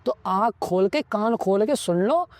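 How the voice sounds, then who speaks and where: Young male vlogger, high pitched and preachy, dry close sound. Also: expressive, measured pace, no echo. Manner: preachy, lecturing, constantly says "ठीक है". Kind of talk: opinionated advice monologue.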